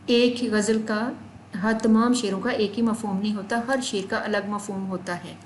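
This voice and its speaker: A young woman teaching a lesson to students, patiently explaining step by step and spelling out words slowly. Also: mid-range voice, fairly even intonation. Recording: echoey room, faint background noise.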